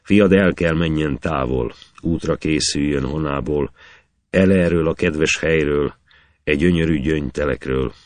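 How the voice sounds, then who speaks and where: A man's voice: very deep voice, no room sound. A man voicing a boastful young warrior hero, declaiming proud lines of verse in an old epic.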